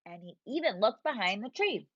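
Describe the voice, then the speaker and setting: A woman teacher reading a picture book aloud to young children, expressive and drawn out, asking them questions, in a dull lo-fi recording. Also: medium pitch, fairly quick, no echo. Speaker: preschool teacher.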